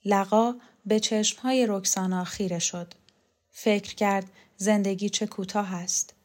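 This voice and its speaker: A woman narrating a literary novel in a calm, measured reading voice. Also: medium pitch. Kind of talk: scripted audiobook narration of a novel.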